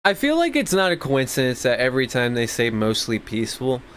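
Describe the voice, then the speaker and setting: A man's voice: medium pitch, wildly swooping pitch, fast talker, a bit bright, a little hiss or hum. A man hosting a livestream, talking in a crude, rambling, sarcastic way and sounding sleepy. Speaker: livestream host. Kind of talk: casual profane commentary.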